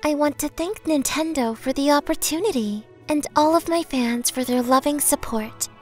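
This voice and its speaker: A woman's voice: high voice, moderate pace, darkish tone, faint music behind, close to an everyday voice. A woman voicing a sweet, gracious young cartoon princess with polite, dainty delivery. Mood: gracious, cheerful.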